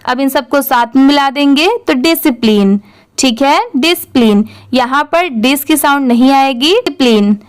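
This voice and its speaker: A woman's voice: high voice, moderate pace. A woman teaching English reading, spelling words letter by letter, asking questions and answering them herself. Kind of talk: classroom-style phonics lesson.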